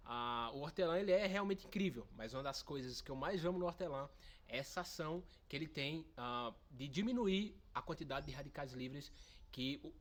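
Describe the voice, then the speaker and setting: A man, answering interview questions as a nutritionist. He explains with eager enthusiasm. His voice sits a little on the high side. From Brazil's Northeast, Pernambuco. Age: 20s. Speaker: nutritionist guest.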